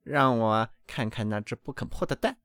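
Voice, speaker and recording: A man's voice: mid-range voice, normal speed, vocal fry, a bit bright, dry recording, clean studio sound. Man voicing an old female duck, blunt, know-it-all, storybook character. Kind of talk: storybook reading.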